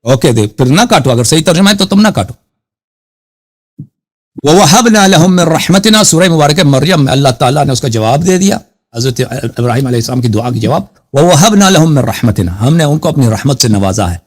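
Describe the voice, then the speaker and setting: A man's voice: mid-range voice, animated. Combative man hosting a heated debate. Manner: combative, keeps cutting the caller off; recites Quranic Arabic verses slowly. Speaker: host. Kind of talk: heated live call-in debate.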